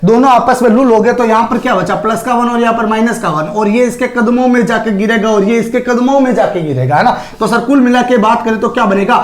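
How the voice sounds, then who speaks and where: High-voiced male teacher, echoey room. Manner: asks questions and answers them himself; homely Hindi analogies, calls students sir. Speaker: chemistry teacher. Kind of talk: classroom lecture.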